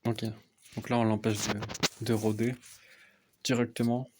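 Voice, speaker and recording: A young man softly explaining a card game deck as casual gameplay commentary, often hesitant with fillers. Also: level tone, measured pace, noisy background. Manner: speaks softly, low volume. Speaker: card game content creator.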